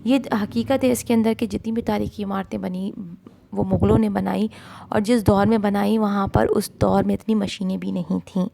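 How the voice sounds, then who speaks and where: A woman teaching a school lesson, explaining slowly with many fillers and English words mixed in. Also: medium pitch, fairly even intonation, creaky, warm tone. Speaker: Urdu tutor. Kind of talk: online class lesson.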